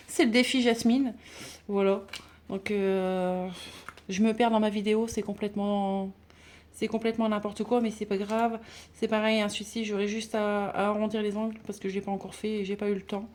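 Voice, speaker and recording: A woman vlogging casually about her budget binders, chatty and halting with many fillers and restarts. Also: medium pitch, level tone, darkish tone. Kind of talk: casual chat showing binders.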